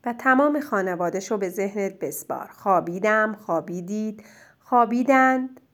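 A woman teaching a child spelling, dictating words slowly and clearly and praising their answers. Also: mid-range voice, expressive. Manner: slow, drawn-out dictation of single words; gentle, encouraging teacher talk.

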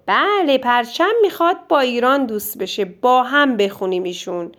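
A woman teacher, dictating sentences word by word to a child and gently encouraging them. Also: on the high side, lively intonation. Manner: drawn-out syllable-by-syllable dictation. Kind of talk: slow dictation lesson for a child.

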